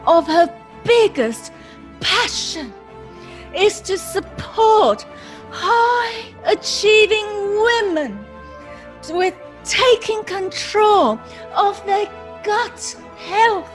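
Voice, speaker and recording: Sultry seductive announcer, as a woman puts her on: hushed, low, unhurried, with lively rises and falls. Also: heavily acted. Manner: low, hushed and drawn-out delivery. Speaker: podcast host.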